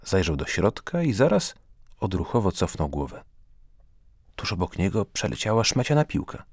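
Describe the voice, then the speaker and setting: A man narrating a story in an expressive scripted reading. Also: sits low, moderate pace, breathy edge, dry recording, clean studio sound. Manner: expressive, first-person guardian-angel narrator. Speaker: audiobook narrator.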